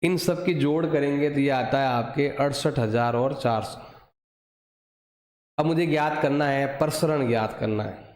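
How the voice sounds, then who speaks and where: A male math teacher with a Hindi accent walks through a lesson step by step, posing questions and then answering them himself. His voice is medium-pitched, a little mellow, and his pace is measured. The room is echoey, and his voice drifts away from the mic.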